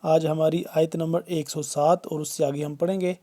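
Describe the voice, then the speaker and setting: A man teaching tajweed. He recites verses slowly and loudly, then explains each rule in a quicker, quieter voice. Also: fairly high pitch, flat delivery. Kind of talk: slow, word-by-word recitation lesson.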